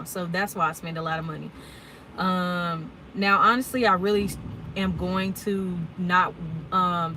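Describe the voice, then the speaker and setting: A woman's voice: mid-range voice, pushed and bright, slight background noise, rough recording. A woman in her twenties, a truck driver chatting casually and candidly to her viewers in a live Q&A, full of y'all and ums. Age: 20s. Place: at work, unloading her truck.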